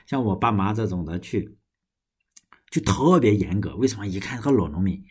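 Young Chinese man, solo podcast host, low husky voice, loose rambling delivery. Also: expressive, moderate pace, darkish tone. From China. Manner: rambling, frequent restarts and swearing. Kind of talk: casual solo podcast monologue.

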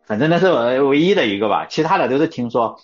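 A man's voice: mid-range voice, animated, fast talker. A man hosting a casual chat, often repeating his words and phrases as he goes. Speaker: host of a casual talk show. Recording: dull lo-fi audio, faint music behind.

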